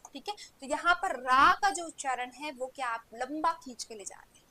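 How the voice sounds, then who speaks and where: The recording is rough, but her high voice comes through pushed and bright at a normal speed. A young woman leading an online Hindi grammar class, she keeps asking questions and answering them herself, with frequent "ठीक है"s.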